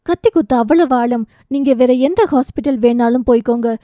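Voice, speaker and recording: A woman voicing a brisk, commanding female surgeon who scolds and gives orders. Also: fairly high pitch, warm tone, dry recording, clean studio sound, lightly acted. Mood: stern.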